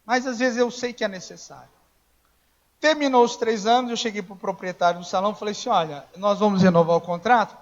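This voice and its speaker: Man, pastor, high voice, storytelling sermon, acts out dialogue, dull lo-fi recording. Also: brisk. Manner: conversational storytelling, acts out dialogue, rises to shouting. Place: church.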